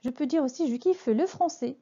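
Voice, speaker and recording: Mellow-voiced woman teaching French vocabulary. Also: sits high, fairly quick. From Morocco. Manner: hesitant, many fillers and restarts. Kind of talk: explanatory lesson. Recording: dull lo-fi sound.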